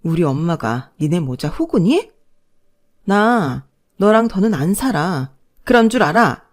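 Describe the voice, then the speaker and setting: A woman's voice: mid-range voice, very animated, normal speed, darkish tone, voice pushed up. A woman voicing a furious adult daughter who scolds sharply and indignantly.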